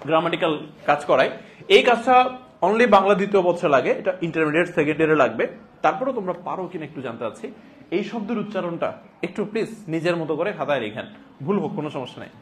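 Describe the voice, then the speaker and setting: A man's voice: on the high side, lively intonation, fast talker, slight background noise. A man teaching a classroom lesson, posing questions and answering them himself, with the odd joke. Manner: explains by asking and answering his own questions, joking. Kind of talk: classroom lecture.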